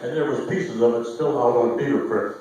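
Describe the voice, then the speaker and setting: An older American man hosting an event, telling local history in a folksy, halting, informal way to a live audience. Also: medium pitch, dark tone, muffled recording. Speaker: host. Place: inside an old theater, amplified to an audience. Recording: echoey theater hall, distant microphone.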